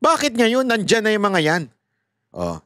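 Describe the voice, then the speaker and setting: A man's voice: high voice, huge pitch swings, measured pace, bright, forceful tone, no echo, clean studio sound. Mocking, heated man. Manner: mocking, heated and sarcastic, addressing viewers directly. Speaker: political commentator. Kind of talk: casual political commentary to viewers.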